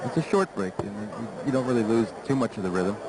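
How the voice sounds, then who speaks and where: A man's voice: fairly low pitch, lively intonation, quick pace, over a noisy crowd. A man giving analytical live darts commentary as the expert co-commentator. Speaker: expert co-commentator, former player. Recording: very noisy live broadcast.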